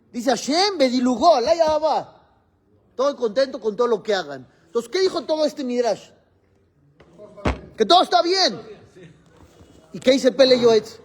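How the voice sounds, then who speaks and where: A man, a rabbi teaching a religious class in a classroom, explaining step by step and quizzing his students. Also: extremely high pitch.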